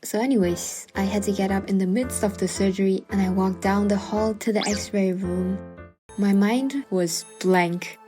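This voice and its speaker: A woman's voice: medium pitch, fairly even intonation, moderate pace. A woman narrating a scripted personal story as a voice-over, with wry, self-deprecating and dramatic asides. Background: music behind the voice.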